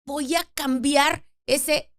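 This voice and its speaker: A woman's voice: high voice, fairly even intonation, extremely slow. A middle-aged woman hosting a solo podcast, talking earnestly about grief and often repeating words as she thinks aloud. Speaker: podcast host.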